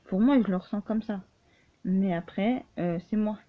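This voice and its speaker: A woman vlogging casually, speaking haltingly with many restarts and fillers, often tired and short of breath. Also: medium pitch. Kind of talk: casual personal vlog. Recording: tinny phone-like sound.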